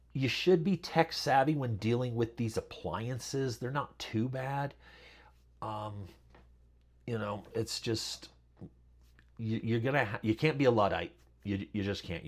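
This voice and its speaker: Rambling low-voiced man talking gardening. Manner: rambling, filler-heavy, chatty asides. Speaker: channel host. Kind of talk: casual how-to talk.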